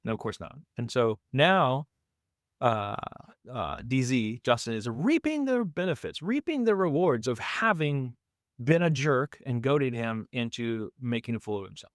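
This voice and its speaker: A man delivers reaction commentary on a debate clip in an emphatic, arguing tone. He keeps asking pointed rhetorical questions. His voice sits at a middling pitch and sounds close and dry. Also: lively intonation, unhurried, dry recording. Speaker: reaction video host.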